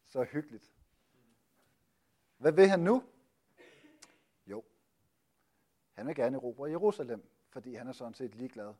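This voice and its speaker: A man preaching and teaching on a Bible passage, asking lively rhetorical questions and pausing often with hesitations. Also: mid-range voice.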